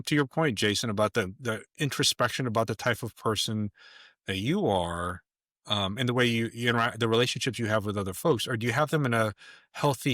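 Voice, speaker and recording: A man's voice: on the low side, fairly bright tone, no room sound, clean studio sound. A man talking as a podcast guest in casual conversation, emphatic and rambling, with many restarts.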